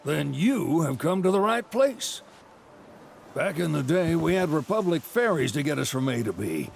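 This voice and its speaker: Folksy, lively old Southern rancher. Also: male voice, on the high side, vocal fry, slight background noise, exaggerated voice. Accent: Southern American. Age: older. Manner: folksy, chatty showman's patter. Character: genial, folksy old male rancher and salesman. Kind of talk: video game character dialogue.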